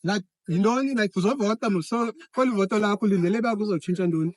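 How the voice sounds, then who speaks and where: A man's voice: sits high, racing, a little mellow, no room sound. A man with a South African accent doing informal street interviews as the interviewer. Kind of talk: informal vox pop interviewing.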